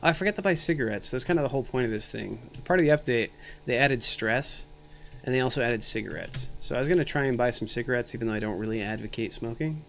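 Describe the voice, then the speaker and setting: A man's voice: mid-range voice, expressive, quick pace, creaky, a bit bright, faint music behind. A man of thirty streaming a game, chatting with viewers in a rambling, self-mocking, jokey way, tired and a little loopy from too little sleep and too much caffeine. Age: 30s. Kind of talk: casual live-stream commentary.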